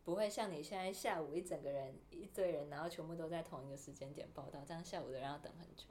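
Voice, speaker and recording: A young woman co-hosting a relaxed podcast, with a voice a little lower than most. She lays out her point calmly over a faint hiss of background noise. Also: quick pace. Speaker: podcast co-host. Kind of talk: casual chat.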